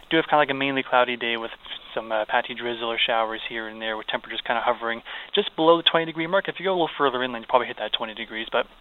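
Quick-talking forecaster, man on phone line. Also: mid-range voice, dry recording. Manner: informal, hesitant, chatty. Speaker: weather forecaster. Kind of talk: casual live weather chat. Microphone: phone call.

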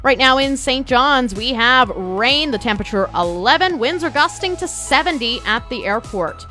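Brief: female radio newsreader, bright forceful voice, slightly high pitch, scripted news and forecast delivery. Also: animated, normal speed, soft background music. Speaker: radio news and weather announcer.

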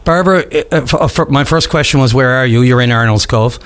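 A man hosting a call-in radio show with a smooth radio host delivery, taking callers and reassuring them. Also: medium pitch, fairly quick.

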